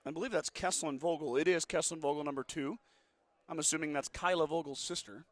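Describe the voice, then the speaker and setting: A man with a sore throat does play-by-play for a local basketball game. His voice sits a little high and climbs as the action quickens. He speeds through the sponsor ads in between plays. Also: steady tone, no room sound. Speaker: play-by-play announcer. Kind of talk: local radio basketball commentary.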